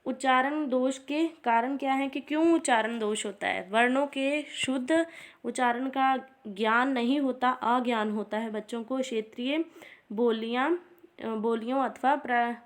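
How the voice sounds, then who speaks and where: A woman's voice: high-pitched, a little slow. A woman teacher giving an exam revision lecture, reading points off. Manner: steady list-reading, frequent "ठीक है जी" asides.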